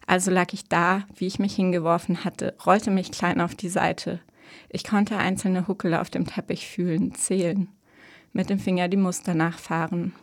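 Female storyteller, calm and measured, low pitch with vocal fry. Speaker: audiobook narrator. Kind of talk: scripted narration.

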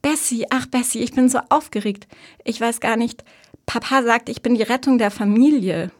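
A woman voicing an excited young girl who is about to be married, talking in a breathless, bubbly rush. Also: medium pitch, moderate pace, close to an everyday voice.

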